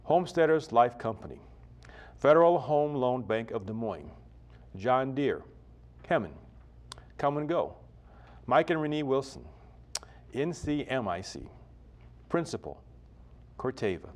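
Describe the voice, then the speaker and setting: A man's voice: mid-range voice, lively intonation, measured pace, pauses often, a little mellow. A man hosting an awards ceremony, opening with a prayer and reading out sponsors in a formal manner. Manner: formal, reads sponsor list. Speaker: ceremony emcee.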